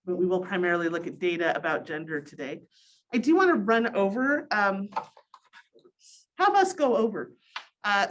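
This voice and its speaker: A woman's voice: mid-range voice, low-quality recording. A middle-aged woman giving an informal academic presentation through a cloth face mask, conversational with wry asides, in a small conference room. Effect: speaking through a cloth face mask. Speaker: presenter, sociology professor.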